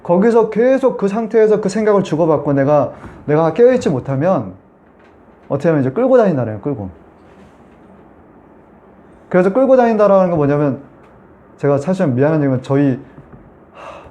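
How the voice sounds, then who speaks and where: Animated Korean preacher, mellow voice. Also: male voice, a little high. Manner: animated storytelling, conversational with the congregation. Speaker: pastor. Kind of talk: Sunday sermon.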